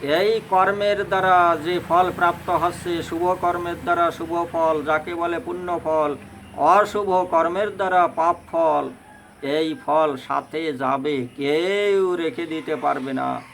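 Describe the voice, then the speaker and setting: Man, Bengali accent, devotional scripture sermon, fervent, addresses listeners as mothers, high voice, faint noise behind. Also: fairly even intonation, vocal fry, fairly bright tone, rough recording. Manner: breaks into slow sung chanting. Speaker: Bhagavata reciter.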